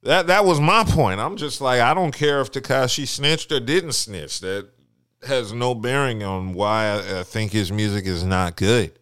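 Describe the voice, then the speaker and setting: Animated profane man on a podcast. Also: medium pitch, unhurried, clear, resonant tone, no room sound, clean studio sound. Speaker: podcast co-host. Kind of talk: casual chat.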